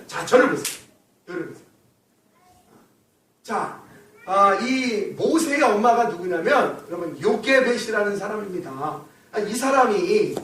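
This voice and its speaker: A man's voice: high-pitched, a bit bright, slight background noise. A male pastor preaching a sermon in a church, often asking the congregation questions and answering them himself. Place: church sanctuary. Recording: echoey hall, mic far off.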